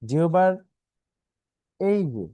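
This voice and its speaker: Speaking extremely slowly, this man teaches Arabic letter sounds in a live online lesson, his Bangladeshi Bengali accent clear as he patiently drills syllables for learners to repeat. He draws out certain sounds, almost singing them, in a slightly high, mellow, expressive voice. There's no echo.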